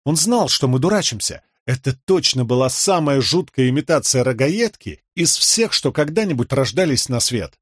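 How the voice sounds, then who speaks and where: A man's voice: mid-range voice, expressive, normal speed, hardly any pauses, breathy edge, no room sound, clean studio sound. A man reading an audiobook, voicing an earnest young woman who has just learned to con people. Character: young woman, a kind-hearted novice con artist.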